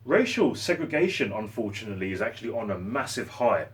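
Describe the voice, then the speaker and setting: A man's voice: on the low side, sing-song, brisk, far from the mic, faint music behind. Passionate man ranting. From London. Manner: passionate, rambling, sarcastic. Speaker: vlogger. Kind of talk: opinion rant to camera. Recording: voice set back from the mic.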